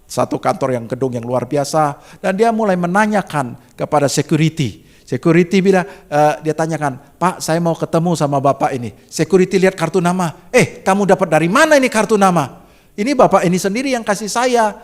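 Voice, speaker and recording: Indonesian pastor, middle-aged man, high voice, story-driven sermon with big dynamic swings. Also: brisk. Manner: dramatic swings from soft to loud and high; addresses congregation as "saudaraku".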